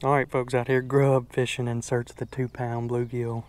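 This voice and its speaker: Speaking at a normal speed in a level, mid-range voice, a folksy fishing vlogger talks casually to camera from a small boat on a lake, calling his viewers folks. The audio comes from an action camera on or near his body, with outdoor noise.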